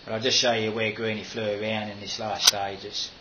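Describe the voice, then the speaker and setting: A man's voice: on the low side, little pitch movement, moderate pace, bright, forceful tone, muffled recording, slight background noise. A man, talking to a handheld camera outdoors at a house in a rambling home-video vlog full of fillers and restarts. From Australia. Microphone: handheld camera mic.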